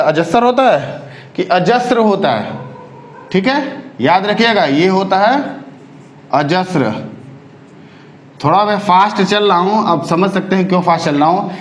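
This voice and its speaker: A man with a high-set voice teaches a spelling lesson for exam candidates. He repeats each word several times and keeps checking that his students follow along. The sound carries a noticeable room echo. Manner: drills correct forms, repeating words with frequent check-ins.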